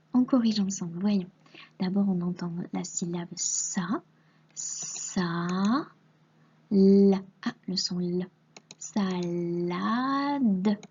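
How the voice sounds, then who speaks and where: Patiently sounding out letters and syllables for a young child, a woman teacher records a reading lesson, often slipping into a soft half-whisper. Her voice is medium-pitched with a breathy edge, and the audio sounds dull.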